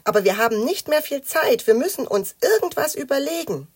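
A woman voicing an eager young boy in a children's audiobook, urgent and excited. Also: on the high side, unhurried, slightly rough, voice pushed up, heavily acted.

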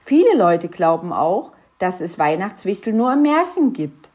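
A woman's voice: lowish voice, big pitch swings, normal speed, darkish tone, slightly rough. A woman voicing an upbeat, eager young boy. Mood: cheerful.

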